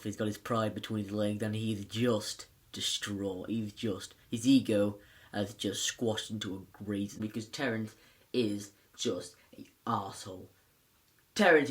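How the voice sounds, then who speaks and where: A man's voice: medium pitch, a bit bright. A man casually reviewing a film, rambling with lots of fillers and restarts.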